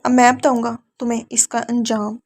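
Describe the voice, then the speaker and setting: A woman's voice: a little high, level tone, normal speed, no echo. Woman voicing a harsh, domineering husband. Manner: harsh, commanding, loud. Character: cruel domineering young husband, man.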